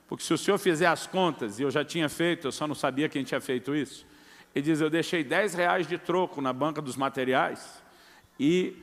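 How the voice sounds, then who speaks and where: A man's voice: fairly high pitch, a bit bright, in a large hall, a little hiss or hum. A middle-aged Brazilian man preaching a sermon as pastor, telling a personal testimony and acting out the dialogue, calling his listeners brother. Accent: Brazilian Portuguese. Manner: storytelling, acts out quoted dialogue, addresses listeners as brother.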